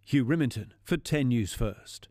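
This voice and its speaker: A man voicing a television news report in a brisk manner. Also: medium pitch, lively intonation, dark tone, a little hiss or hum.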